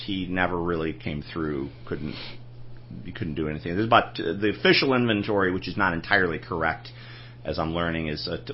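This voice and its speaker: Deep husky man telling stories. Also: dull audio. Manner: anecdotal, rambling, many restarts. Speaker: film collector guest. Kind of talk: casual interview storytelling.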